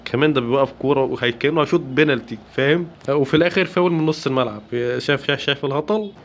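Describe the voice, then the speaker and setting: A man with an Egyptian accent giving excited, playful commentary while playing a football video game. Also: medium pitch, racing, a little hiss or hum. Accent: Egyptian Arabic. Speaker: gaming YouTuber. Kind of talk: live gameplay commentary.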